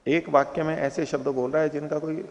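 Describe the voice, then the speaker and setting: A man gives a philosophy lesson in a gravelly, creaky voice. He recites Sanskrit sutras at a slow pace and then explains them with plain examples. The voice carries a long, hall-like reverb. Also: fairly high pitch, flat delivery, a little mellow, lo-fi sound. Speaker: teacher of Nyaya philosophy. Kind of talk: explaining Sanskrit aphorisms in a spoken lecture.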